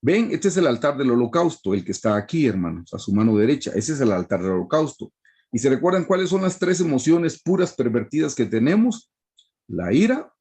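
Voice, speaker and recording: Male Bible study preacher on a video call, emphatic delivery, wide-ranging pitch, mellow tone. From Guatemala. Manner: emphatic, repeatedly addresses listeners as brothers. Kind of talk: sermon-style Bible teaching.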